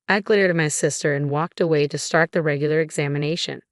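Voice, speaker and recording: A woman narrating a first-person revenge story in a measured, scripted way. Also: sits low, steady tone, dry recording, clean studio sound.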